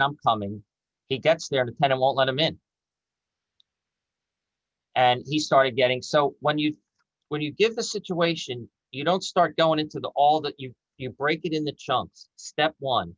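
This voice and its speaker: A man presenting as an executive coach on a webinar, talking earnestly and slowing down to act out example phrases. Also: mid-range voice, fairly bright tone, no room sound, dull audio. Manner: earnest, slows down and acts out example voices.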